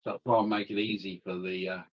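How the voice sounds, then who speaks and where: A British man whose accent shifts between Scottish, Northern and Southern English, speaking in a slightly low voice. He chats casually over a computer mic, swears freely and loves telling a dirty joke. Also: little pitch movement, quick pace, lo-fi sound. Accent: mixed British, Scottish, Northern and Southern English. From United Kingdom. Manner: joking storyteller, swears freely. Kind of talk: casual chat.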